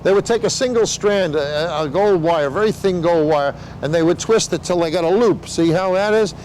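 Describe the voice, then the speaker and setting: A man's voice: high voice, moderate pace, a little mellow, slight background noise, poor audio. An older man explaining things in a casual interview, with rambling showman patter and joking asides. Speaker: veteran sideshow talker explaining flea circus.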